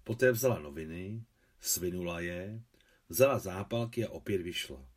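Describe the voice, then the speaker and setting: A man calmly reading his own translation of a novel aloud in a measured storytelling manner. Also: low-pitched.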